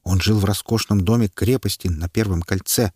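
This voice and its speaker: A man narrating an audiobook in a lively, expressive way. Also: fairly low pitch, fairly quick, breathy edge, no room sound, studio quality. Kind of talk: scripted narration.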